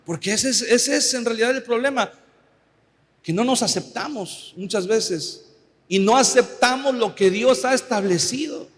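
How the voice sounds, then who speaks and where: A pastor preaching a sermon in a conversational way, often asking the congregation for agreement. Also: male voice, extremely high pitch, normal speed. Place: church. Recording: long reverb of a church hall.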